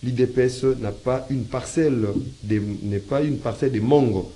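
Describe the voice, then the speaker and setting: Man, host reading comments, mellow dark tone, halting with fillers. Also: mid-range voice, slight background noise. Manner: halting reading with many fillers, mixing French and Lingala. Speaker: radio host reading listener messages. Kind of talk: reading viewer comments aloud on a talk show.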